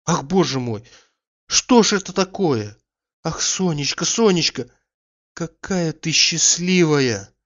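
An agitated, proud young woman, as a male audiobook narrator puts her on, her lines lifted higher and pushed with impatient emotion. She is quick to take offense and snaps back in a storybook reading. The recording is slightly muffled and lo-fi. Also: lively intonation, a bit bright. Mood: excited.

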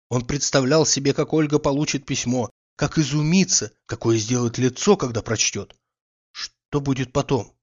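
A man reading a literary audiobook in a measured, calm storytelling manner. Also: medium pitch, lo-fi sound. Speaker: audiobook reader.

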